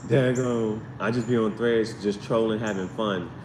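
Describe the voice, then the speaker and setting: Speaking with fairly even intonation at a moderate speed, this man runs an informal tarot-reading live stream. He's repetitive and tangential, peppering his talk with slang. A distant mic captures a roomy sound full of background noise and traffic rumble.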